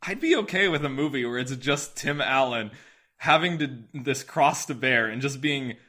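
A man talking casually as a podcast guest, animated and repeating words as he gathers his thoughts. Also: mid-range voice, moderate pace.

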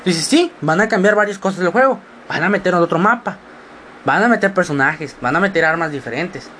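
A man's voice: high-pitched, lively intonation, bright, forceful tone, slight background noise. A sixteen-year-old boy with a mixed Mexican accent, telling rambling, self-mocking stories in a casual podcast monologue. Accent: Mexican, mixed regional. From northern Mexico. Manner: rambling, jokey and self-mocking, quick shifts of tone. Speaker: podcast host.

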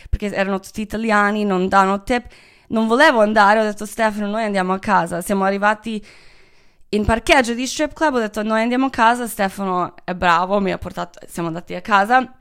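A woman's voice: fairly high pitch, fairly bright tone, clean tone. A woman telling candid personal stories in a casual, profane monologue, often slipping phrases into her Italian. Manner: frank, profane, mixes English into Italian. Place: Los Angeles.

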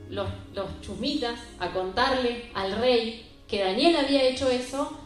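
Woman preaching in a very echoey room. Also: a little high. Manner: storytelling, emphatic and conversational. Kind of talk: sermon. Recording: very echoey room with faint music.

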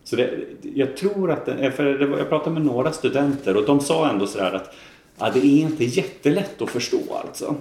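A man from Gothenburg with a softened Gothenburg accent, chatting and explaining at length as a podcast co-host, with lots of fillers. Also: mid-range voice, reverberant, a little hiss or hum. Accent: Gothenburg Swedish, softened. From Gothenburg, Sweden. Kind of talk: casual chat.

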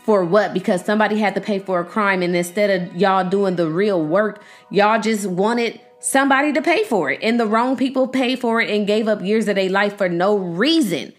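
A woman's voice: mid-range voice, moderate pace, few pauses, faint music behind. A young woman vlogging casually, emphatic and slangy, addressing her viewers as y'all. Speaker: vlogger reacting to a series. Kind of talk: casual chat.

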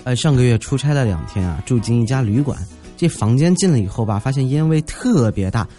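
A man's voice: medium pitch, expressive, fairly quick, over music. A man hosting a podcast, telling funny everyday stories in a chatty, jokey way and acting out the quotes. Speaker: podcast host. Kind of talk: comic storytelling podcast.

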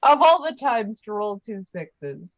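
A woman's voice: mid-range voice, very animated, measured pace, highs cut off. A woman playing a tabletop game, bantering casually with a dry, sarcastic manner.

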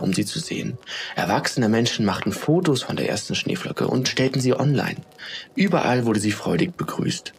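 A man narrating a children's bedtime story in a calm, steady storytelling manner. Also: mid-range voice, creaky, slight background noise.

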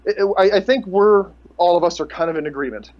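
A man's voice: high voice, fast talker. A man co-hosting a casual podcast, rambling and ranting with sarcastic, profane asides. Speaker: podcast co-host. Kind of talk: casual rant about pro wrestling. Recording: dull lo-fi podcast audio.

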